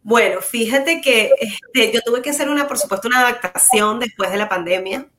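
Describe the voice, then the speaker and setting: A woman's voice: a little high, normal speed, fairly bright tone. A woman speaks as the guest on a casual interview. She is a theater actress and explains things in an easy, conversational way, dropping in filler words as she goes. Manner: explains with fillers like "este" and "fíjate".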